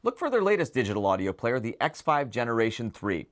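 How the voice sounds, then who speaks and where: A man presents an audio gear preview show, addressing viewers in a medium-pitched, sing-song voice at a fast clip. His delivery is detailed, enthusiastic and semi-scripted.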